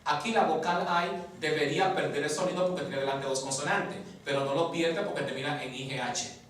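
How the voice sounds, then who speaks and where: A male teacher talks through a pronunciation lesson in a fairly high voice, stopping to repeat example words slowly and to ask his students rhetorical questions. He sits well back from the mic in a very echoey room with faint hiss underneath. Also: steady tone, fairly bright tone, distant mic. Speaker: English phonology teacher. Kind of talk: explanatory lesson.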